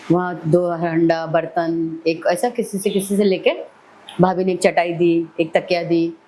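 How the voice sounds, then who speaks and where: A woman's voice: fairly low pitch, dark tone, a little hiss or hum, poor audio. A middle-aged woman, a podcast guest telling her life story vividly. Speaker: celebrity hair stylist, podcast guest. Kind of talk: personal storytelling in an interview.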